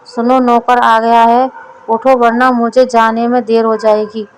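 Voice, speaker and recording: A woman's voice: on the high side, little pitch movement, measured pace, slight background noise, lightly acted, low-quality recording. A woman voicing a firm, nagging wife who scolds her husband about his eating in a storybook. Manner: nagging, matter-of-fact.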